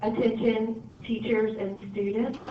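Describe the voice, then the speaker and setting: A woman's voice over a school intercom, heard through a ceiling speaker from across the room, with a roomy echo and a dull, muffled tone. She reads a list of names in a formal, even announcing manner, with a steady hiss underneath. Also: fairly high pitch, measured pace, distant mic. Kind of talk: public address announcement. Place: classroom hearing the school PA.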